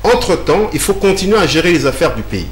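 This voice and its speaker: Brisk and high-pitched, with big swings in pitch, a guest answers interview questions at length. He explains patiently yet hesitantly, using many fillers and restarts and repeating words. Echo and a faint hum fill the room.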